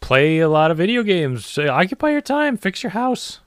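Man, podcast co-host, laid-back chat, bouncy lively pitch, dry room. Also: moderate pace, no echo. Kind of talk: casual chat.

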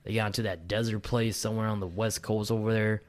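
A man's voice: fairly low pitch, fairly even intonation, fairly quick. A man, chatting casually and rambling with lots of fillers and restarts. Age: late 20s. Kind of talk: casual chat.

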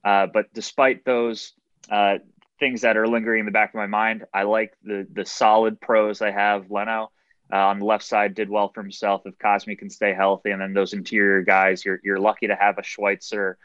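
A man's voice: on the low side, level tone, moderate pace, fairly bright tone, dry recording. A man giving casual, opinionated sports analysis as a podcast panelist. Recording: dry, dull lo-fi microphone sound.

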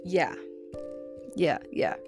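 A woman's voice: drawn-out words, music in the background. A young woman with a Utah accent hosting her own podcast in a casual, candid way, giggling and swearing freely as she chats. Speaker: podcast host. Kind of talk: casual solo podcast chat.

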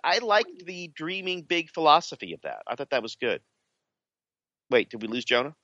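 Lively joking man, dry lo-fi sound. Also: fairly high pitch, normal speed, no echo. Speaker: podcast co-host. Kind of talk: casual political chat.

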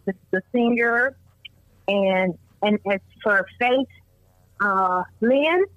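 A middle-aged woman calling in over a phone line, gushing and halting with fillers as a caller to a morning show. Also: mid-range voice, dry recording. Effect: heard over a phone line. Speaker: caller, mother of a host. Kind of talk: call-in chat. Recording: distant phone call, dry.

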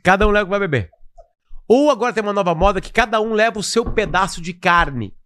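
A man co-hosting a comedy podcast, ranting through a story in an animated way. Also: sits high, quick pace. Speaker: podcast co-host.

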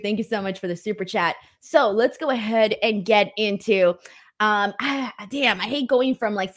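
A woman hosting a live wrestling stream in a casual, informal way, peppering her talk with "like" and mild swearing. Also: medium pitch.

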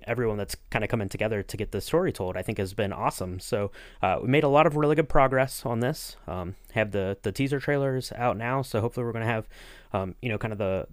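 A man with a fairly low voice co-hosts a podcast as the interviewer, chatting casually with rambling enthusiasm and plenty of "you know"s. The recording is clean studio sound with no room ambience.

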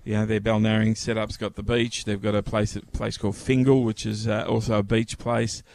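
A man's voice: on the low side, little pitch movement, fairly quick, vocal fry, darkish tone, slight background noise. A man discussing horse training on radio, hesitant with fillers and restarts. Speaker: racing guest.

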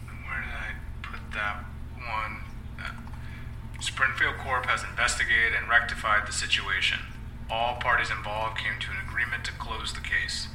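A man voices a curt, stonewalling male PR rep in a radio drama. His bright, sharp voice comes from a little away from the mic. The sound has a roomy echo. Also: fairly low pitch, flat delivery, unhurried, recorded from a distance, a little hiss or hum. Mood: evasive. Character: evasive male corporate PR representative.

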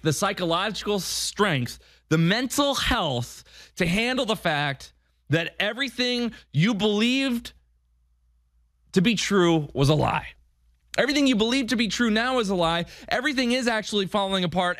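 An American man hosts a call-in political show in a fairly high voice. He rants with indignant, conspiratorial suspicion and mocks his targets sarcastically. The sound is very dry, with no room to it. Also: a bit bright, no room sound. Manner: sarcastic, mocking. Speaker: talk show host.

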